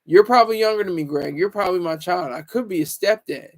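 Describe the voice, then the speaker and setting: Talking at a quick pace in a high-pitched voice, this man hosts a casual livestream. He rambles and teases viewers, frequently stumbling and restarting his sentences.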